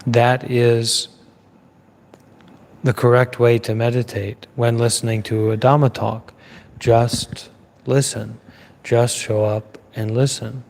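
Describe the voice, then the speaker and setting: Slow-speaking man giving a Dhamma talk. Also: medium pitch, level tone, vocal fry, darkish tone, long reverb tail. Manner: measured, repeats phrases in lists with pauses.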